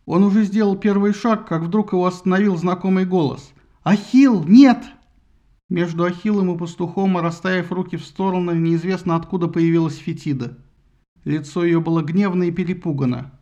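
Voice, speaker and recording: Man, audiobook narrator, higher voice, ironic storytelling, dull lo-fi sound. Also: steady tone, a little fast, dark tone.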